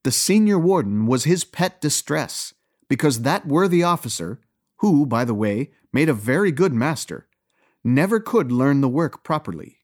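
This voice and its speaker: A man reading a story aloud as narrator, in a wry, gently ironic tone. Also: a little high, big pitch swings, normal speed.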